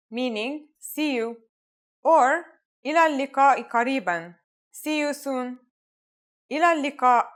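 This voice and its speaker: A young woman with a fairly high voice hosts a scripted language lesson. She speaks at a measured pace and carefully pronounces and repeats each phrase. She was recorded in an indoor studio. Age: young adult.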